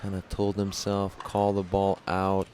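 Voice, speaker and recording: A man calling a pickleball match live, measured play-by-play with quick bursts of excitement. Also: low-pitched, a little hiss or hum. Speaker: pickleball commentator. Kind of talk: live sports commentary.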